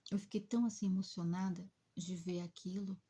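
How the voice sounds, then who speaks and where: A woman telling an emotional spiritual story as a spiritist rescue worker, in a hushed, breathy, dramatic way. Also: lowish voice, steady tone, fairly quick.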